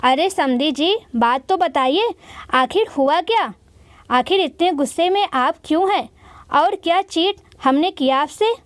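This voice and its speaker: A woman's voice: sits high, animated, measured pace, dry recording. A woman voicing an indignant middle-aged father of the groom who scolds and defends his son.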